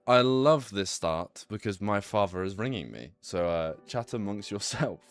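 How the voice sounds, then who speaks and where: A relaxed man in casual chat as the dungeon master of a tabletop game, his voice rising and falling with lively pitch. He laughs easily and swears offhandedly, talking through a headset with faint music behind. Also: moderate pace, no room sound. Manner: laid-back, laughs often, swears casually.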